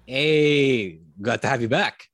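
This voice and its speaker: A man's voice: medium pitch, takes it slowly, a bit bright, no echo. A man, co-hosting a podcast in an informal way. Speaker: podcast co-host. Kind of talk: informal sponsor read and chat.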